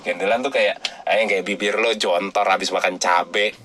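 A young man tells a personal story in loose, slangy chat. His voice sits low but has a bright edge. He jumps into the voices of the people in the story as he goes. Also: normal speed. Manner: animated, slangy, acts out quoted people.

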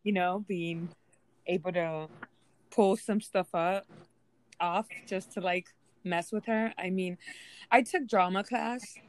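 Earnest woman in her 30s, lowish voice, kinda dramatic. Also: fairly even intonation, takes it slowly, pauses often. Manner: earnest, dramatic, restarts often. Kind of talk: casual chat.

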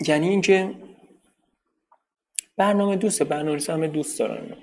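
A man's voice: a little high, creaky. A man giving an informal spoken programming lesson, explaining step by step, often restarting and repeating himself. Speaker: programming teacher.

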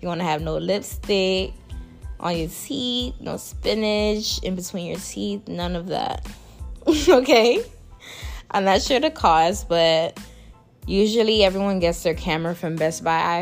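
A young woman with a Caribbean accent hosts a podcast, offering casual advice to listeners in a fairly low, soothing, creaky voice. She's playful, laughs a lot, and jumps up in pitch to stress points. Soft music plays faintly in the background.

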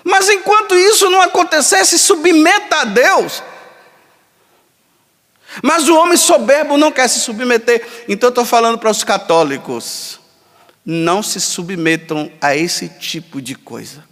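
Emphatic high-voiced priest. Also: male voice, unhurried, a bit bright. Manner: emphatic, acts out imagined dialogues. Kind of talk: sermon. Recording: long hall reverb.

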